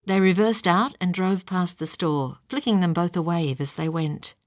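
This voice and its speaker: Brief: woman audiobook narrator, lowish voice, dry close sound. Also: moderate pace, no echo. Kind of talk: scripted narration.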